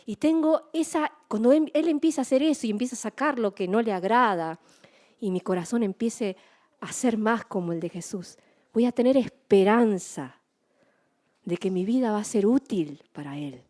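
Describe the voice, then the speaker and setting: A middle-aged woman preaching a sermon, telling stories in an animated way and acting out her own excited shouts. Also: on the high side, moderate pace.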